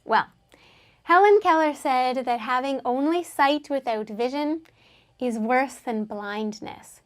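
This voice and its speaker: A woman's voice: sits high, slow. A woman teaching an English lesson, patiently explaining words and having learners repeat them after her.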